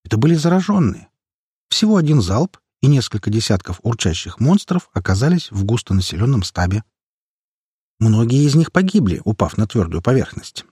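Husky-voiced man narrating an audiobook. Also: mid-range voice, big pitch swings, moderate pace, warm tone, no room sound, clean studio sound. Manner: dramatic storytelling, first person.

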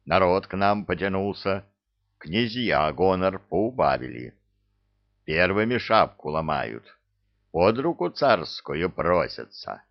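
A man's voice: low voice, big pitch swings, slow pace, gravelly, dull audio, heavily acted. A man voicing a plain-spoken, grumbling male tsar. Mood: musing grumble.

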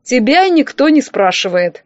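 A woman reading an audiobook and voicing a blunt, bossy older rich man who gives gruff, mocking orders. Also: sits high, very animated, unhurried, no echo, highs cut off. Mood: barking.

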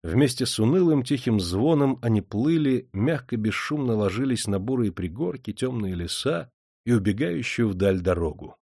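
Brief: male audiobook narrator, expressive and animated. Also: mid-range voice, normal speed, slightly rough, dry recording, clean studio sound. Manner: expressive reading.

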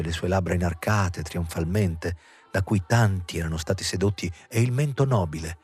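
A man reading a literary novel aloud as an audiobook narrator, measured and expressive. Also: on the low side, slightly rough, no echo, clean studio sound. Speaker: audiobook reader.

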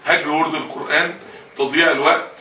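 A man's voice: on the high side, steady tone, fast talker, sharp tone, echoey room, far from the mic, slight background noise, poor audio. A man with an Egyptian accent preaching in colloquial Arabic, answering questions from the audience with impassioned, repetitive appeals. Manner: impassioned, rhetorical, repeats phrases. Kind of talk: colloquial Egyptian religious talk.

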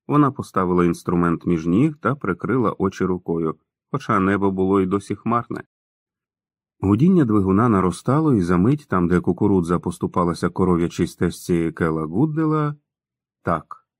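A man narrating an audiobook in a calm, even storytelling manner. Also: low-pitched, no echo, studio quality. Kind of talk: scripted narration.

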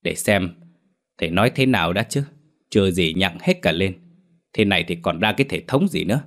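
A nervous, obsequious middle-aged son in a ghost story, eager to please and quick to snap at his wife, as a male narrator voices him. The voice is low and deep. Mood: scolding. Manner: obsequious, then snapping. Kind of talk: storybook character voice.

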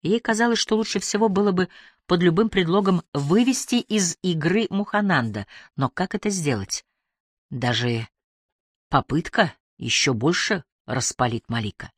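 A woman narrating an audiobook in a clear, expressive reading style. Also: on the low side, normal speed, dry recording, clean studio sound. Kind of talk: scripted narration.

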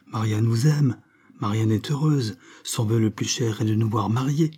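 A man's voice: fairly low pitch, normal speed, warm tone, slightly rough. A man voicing an earnest, pleading young suitor.

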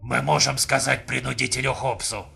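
Male reader as Neanderthal man, blunt, unwavering, gravelly voice, faint music behind. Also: medium pitch, moderate pace, exaggerated voice. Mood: calm. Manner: flat, firm, matter-of-fact. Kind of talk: audiobook reading.

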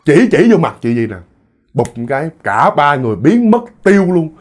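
A man's voice: on the high side, very animated, moderate pace. A man telling a ghost story in a chatty way, addressing listeners directly and repeating words for effect. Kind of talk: casual spoken storytelling.

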